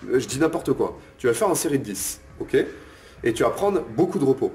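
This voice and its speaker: A man's voice: medium pitch, very animated, a little fast, darkish tone. Casual male fitness coach, chatty. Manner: informal, addresses viewer as tu, frequent "ok?" and "euh". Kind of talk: casual bodybuilding lesson to camera.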